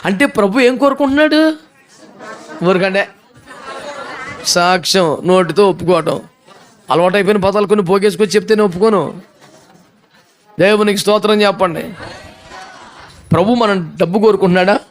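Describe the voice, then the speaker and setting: A male pastor delivers a lively sermon in a high voice. He tells the story with energy, slipping into the characters, and needles his listeners with mocking rhetorical questions. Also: moderate pace, pauses often, a faint crowd. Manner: animated storytelling, acting out characters.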